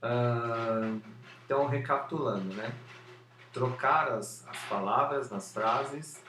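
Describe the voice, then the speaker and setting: Talking off the cuff to camera, a man who used to stutter explains his method for beating it, speaking slowly with occasional repeated syllables and many fillers. His voice is medium-pitched, bright, and forceful. The indoor room has an open window with street noise, captured as roomy, distant audio with faint background noise.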